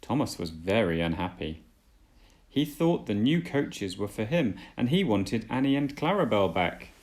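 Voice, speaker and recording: Reading a kids' storybook as a father might, this man uses a lowish, darkish voice with a sing-song lilt. He tells the tale deliberately and dramatically.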